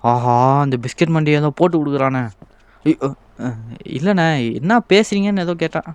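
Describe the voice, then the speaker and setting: A man's voice: lively intonation, brisk, darkish tone, clean tone, no echo. A young man, commenting on a horror game in a playful, exasperated way and voicing the game's characters. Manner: playful, exasperated, switches to shrill panic when scared. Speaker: gameplay commentator.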